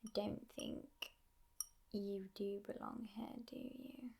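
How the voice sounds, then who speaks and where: Woman as a whispering devil, husky and unhurried, whispered role-play. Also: medium pitch, level tone. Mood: musing, playful. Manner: unhurried, hushed, teasing, with musing pauses. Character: teasing devil in hell, mischievous but gentle. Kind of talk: ASMR.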